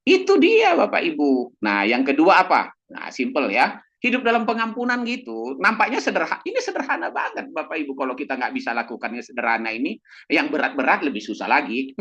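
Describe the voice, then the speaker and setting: A man preaching a lively sermon as pastor, acting out little dialogues with humor. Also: fairly high pitch, dull audio.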